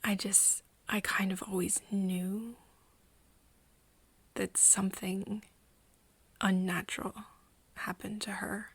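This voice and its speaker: In an intimate ASMR roleplay, a woman plays an earnest, wistful friend, speaking softly and haltingly, often close to a whisper. Her medium-pitched voice is breathy and flat in delivery, with a sad, wistful mood, frequent hesitant pauses, and no room sound.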